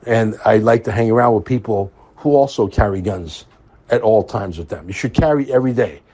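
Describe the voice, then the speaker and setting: Husky-voiced man, emphatic podcast host. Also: fairly low pitch, brisk, dark tone. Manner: emphatic, repeats himself for stress. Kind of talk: casual monologue.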